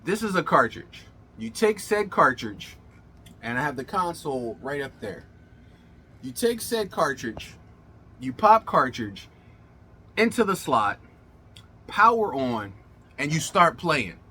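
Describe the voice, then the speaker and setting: Hosting a casual gaming vlog, a middle-aged man addresses his viewers in an emphatic, colloquial, showman-like way, his speech faintly slurred as if from a swollen mouth. His voice is a little high, bright and forceful, with big pitch swings, slow pacing and long pauses. Slight background noise is present.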